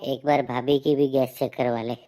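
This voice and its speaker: A man's voice: medium pitch, level tone, normal speed, mellow. A man hosting a comedy joke channel, telling jokes and playing out comic sketches. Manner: jokey storyteller. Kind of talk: comic skit narration and dialogue.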